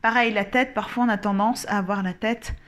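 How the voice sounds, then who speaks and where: A woman giving a coaching lesson to camera, explaining calmly and deliberately and gesturing as she talks. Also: medium pitch. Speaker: communication coach. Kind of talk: instructional coaching talk to camera.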